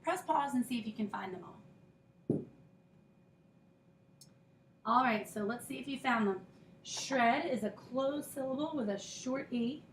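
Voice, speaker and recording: A woman's voice: fairly high pitch, measured pace, long pauses, recorded from a distance, slight background noise. A woman teaching a recorded phonics lesson, patiently explaining step by step and sounding out letter sounds. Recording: echoey room, voice a bit off-mic.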